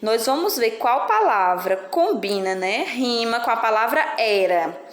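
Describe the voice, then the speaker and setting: Her voice a little high and expressive, a Brazilian Portuguese-accented woman teaches a children's lesson in an echoey room. She's patient and slow, constantly checking understanding with "né?" and "certo?" in this recorded classroom session.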